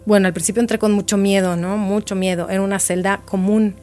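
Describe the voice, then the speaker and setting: A woman's voice: medium pitch, flat delivery, quick pace, darkish tone. Woman guest, reflective storyteller, repeats for emphasis; faint music bed. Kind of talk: personal storytelling in a podcast interview.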